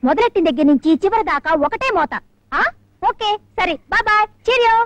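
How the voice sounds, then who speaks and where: A woman's voice: extremely high pitch, lively intonation, fairly quick, fairly bright tone, dry recording. An actress playing a flighty young college woman who mixes English into her talk in a playful way. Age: young adult. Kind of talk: 1970s Telugu film acting.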